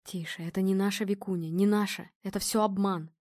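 A woman's voice: medium pitch, fairly even intonation, fairly quick, dry recording, clean studio sound, natural voice. Woman doing a whispering frightened father. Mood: hushed. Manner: hushed, whispering, soothing. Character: frightened father soothing his wife in a whisper.

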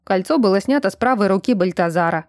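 Brun, a woman reading a gruff, wry detective. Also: mid-range voice, lively intonation, quick pace, darkish tone, no echo, lightly acted. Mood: dry. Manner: dry, laconic remarks.

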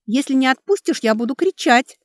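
A woman's voice: a little high, big pitch swings, moderate pace, a little mellow, dry recording, pitched above the performer's own voice. A frightened young girl , as a woman reader puts her on, speaks up in a raised, trembling voice. The reading is close and dry.

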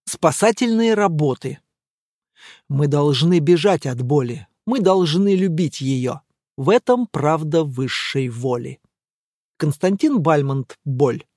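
Мужчина-чтец аудиокниги, довольно высокий голос, размеренное чтение. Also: male voice, on the high side, expressive, slow pace, darkish tone, no room sound, studio quality. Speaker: audiobook narrator. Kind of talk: scripted narration.

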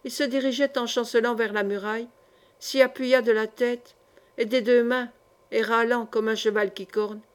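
A woman narrating a classic short story in a measured, dramatic way. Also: a little high, steady tone, clean tone. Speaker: audiobook reader. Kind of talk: literary narration.

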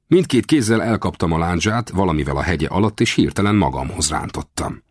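A man reading a first-person adventure novel as an audiobook, expressive and lifting his voice for shouted dialogue. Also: low voice, no room sound, clean studio sound. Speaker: audiobook narrator.

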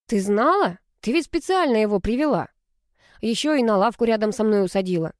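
A woman's voice: medium pitch, lively intonation, a little fast, no echo, clean studio sound, natural voice. A woman reading the lines of a grumpy teenage boy who keeps sneezing and mumbling, in audiobook narration. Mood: peevish.

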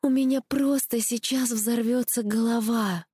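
A woman's voice: high voice, expressive, normal speed, dark tone, no echo, clean studio sound, pitched above the performer's own voice. A woman reading an audiobook, voicing a tired, anxious young woman in a raised voice. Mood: weary.

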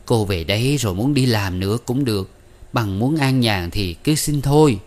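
A man's voice: medium pitch, animated, moderate pace, darkish tone, close to an everyday voice. A man voicing a fawning, chatty middle-aged woman matchmaker who coaxes and wheedles in an audiobook reading. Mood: coaxing. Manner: wheedling, coaxing, persuasive.

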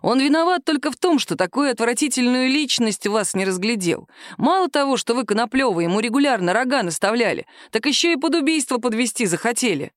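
A woman voicing a calm, caustic male police captain who questions a suspect slowly in an audiobook. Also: on the high side, dry recording, pitched above the performer's own voice, close to an everyday voice. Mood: dry. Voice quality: nagging, dry. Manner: slow, calm, measured interrogation.

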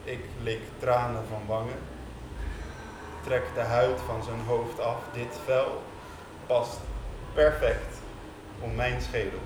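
A man performing a first-person prose monologue on stage, intense and rhythmic with dramatic pauses. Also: medium pitch, background noise. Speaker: performer reading a literary monologue. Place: stage in a music venue. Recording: echoey live room from a distance.

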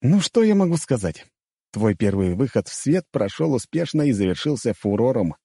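Cocky young mage, wry and teasing, dry close sound, voiced by the reader. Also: male voice, mid-range voice, very animated, normal speed, dark tone, breathy edge, dry recording, pitched above the performer's own voice. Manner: smug, wry.

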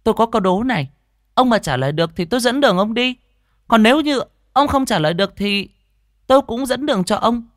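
A man voicing a cheeky, clever village boy in a ghost story, speaking in a high, teasing voice. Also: animated, fast, a bit bright, no echo, clean studio sound.

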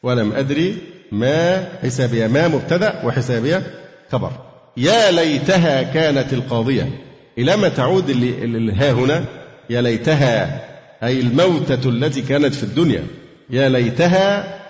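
A man with an Egyptian Arabic accent teaches a Quran lesson, explaining slowly and stopping to quiz his students. He chants verses melodically now and then. The recording is dull and lo-fi, with the long echo of a large hall. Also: medium pitch, animated, darkish tone. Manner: slow deliberate explanation, quizzing students, recites verses melodically. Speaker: sheikh teaching Quran exegesis. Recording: dull, echoey lecture hall.

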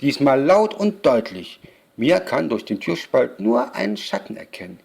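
A man's voice: mid-range voice, big pitch swings, moderate pace, gravelly, a little mellow, breathy edge. A man reading a children's story aloud, unpolished, restarting lines and laughing at his slips.

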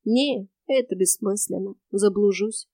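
A weary male spirit stranger in the afterworld, voiced by a woman, speaking in a quiet, cracked voice. He talks slowly and flatly, sounding indifferent, with a mellow tone. The storybook recording is dry and close. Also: mid-range voice, no room sound, close to an everyday voice. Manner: flat, indifferent, slow.

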